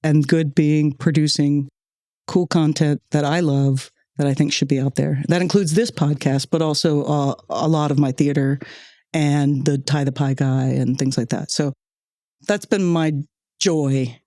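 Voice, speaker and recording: A woman's voice: deep voice, fairly even intonation, a little slow, warm tone, no echo, clean studio sound. A woman hosting a podcast in casual chat, talkative and grateful, laughing often between thoughts. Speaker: podcast host and producer. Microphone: studio microphone.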